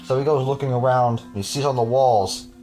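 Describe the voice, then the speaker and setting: A man's voice: mid-range voice, fairly even intonation, brisk, darkish tone, soft background music. A man hosting a podcast, reading a horror story aloud with casual, chuckling asides to his cohost.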